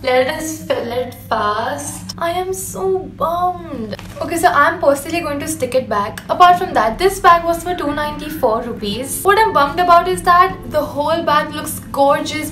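A young woman with an Indian English accent, reviewing a bag haul in a chatty, expressive vlog from her bedroom. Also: high-pitched, moderate pace, hardly any pauses, roomy sound. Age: young adult. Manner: chatty and expressive, mixing in Hindi phrases. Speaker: vlogger. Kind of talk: casual product haul review. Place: bedroom with striped wall.

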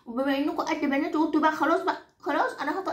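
A woman's voice: sits high, fairly even intonation, rapid-fire, reverberant, close to an everyday voice. A woman playing a nagging Egyptian grandmother of nearly ninety who is henpecked by her husband. She rants in an Egyptian Arabic accent, scolds, repeats herself and swears exaggerated oaths. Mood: scolding rant. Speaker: comic character monologue. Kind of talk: comic rant to the audience.

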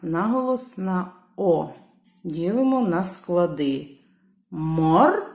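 A woman teacher leads a primary school lesson at an unhurried pace, her voice rising and falling widely as she calls out each word and stretches the stressed syllable. She sits a little low in pitch, and the recording carries a roomy echo. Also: animated, gravelly. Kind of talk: slow classroom lesson. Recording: echoey room.

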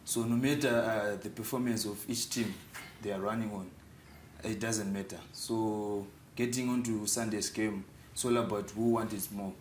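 Calm young man, low-pitched. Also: moderate pace, a little hiss or hum. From Zimbabwe. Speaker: football club vice captain. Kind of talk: studio interview. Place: TV studio.

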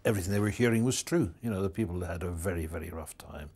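Older man, low and reflective. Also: fast, husky. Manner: reflective, trailing off softly. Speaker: interviewee recalling wartime occupation. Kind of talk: reminiscing testimony.

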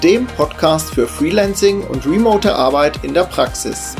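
A man hosting a podcast, introducing a guest and leading the interview in a friendly, brisk way. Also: on the high side, expressive, vocal fry, over music. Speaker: podcast host.

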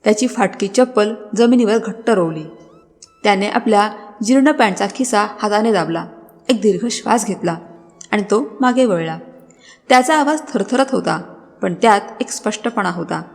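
A woman's voice: medium pitch, normal speed. Woman narrating a dramatic story. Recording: long reverb with background music.

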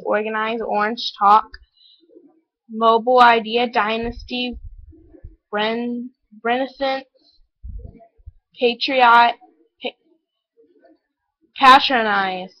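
A woman with an Oklahoma accent talks casually, in a voice a little higher than most. She reads words off a list and chats between them, correcting herself now and then. The sound is the dull, muffled capture of a webcam mic. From Oklahoma, USA. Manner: reads words aloud, self-correcting chatter. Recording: lo-fi webcam audio.

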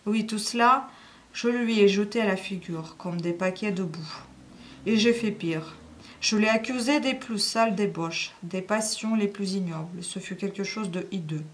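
A woman's voice: mid-range voice, a little hiss or hum. Woman reading a novel aloud. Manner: measured, first-person literary narration. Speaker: reader.

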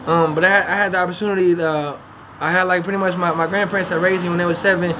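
A young man from Los Angeles hosting a casual podcast chat on an outdoor porch, telling stories with animated gestures and frequent laughs. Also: high-pitched, racing, background noise. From Los Angeles, California. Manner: animated storyteller, laughs often, gestures broadly. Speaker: podcast host. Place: outdoor porch, small patio.

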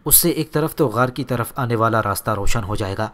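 A man voicing a brave young male warrior who gives calm, firm orders to his family. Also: medium pitch, natural voice. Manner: firm, commanding.

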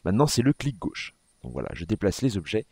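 A man's voice: fairly low pitch, sing-song, fast, a little mellow, slight background noise. A man hosting his gaming channel, talking casually through a game update and often correcting himself as he clicks through menus. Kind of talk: casual gameplay walkthrough commentary.

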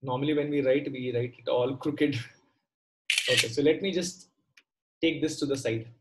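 A man's voice: medium pitch, steady tone, normal speed, poor audio. A middle-aged man with a South Indian accent teaches an online class step by step, conversationally, repeating phrases and checking in with questions. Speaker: maths teacher. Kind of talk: online lesson, explaining step by step. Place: indoor room, online class on a computer.

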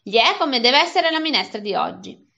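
A sly, bossy cook lecturing his kitchen boy in a storybook reading, acted by a woman. The voice is bright and pushed up, a little high. The sound is dull and lo-fi. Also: expressive, brisk, heavily acted. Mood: smug. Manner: bossy, scolding. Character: crafty bossy male school cook. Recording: dull lo-fi recording.

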